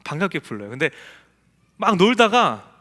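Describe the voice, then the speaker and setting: Pastor, male, bright forceful tone, echoey sanctuary; emphatic preacher who acts out quotes. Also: sits high, sing-song, normal speed. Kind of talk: sermon. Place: church sanctuary. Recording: echoey church hall.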